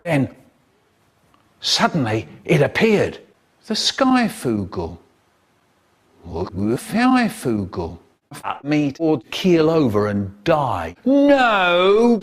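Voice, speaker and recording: Spliced-word male narrator, slow, wildly swinging pitch, choppy edits between words. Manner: jumpy, jarring shifts in pitch and loudness between words. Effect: spliced together word by word from clips.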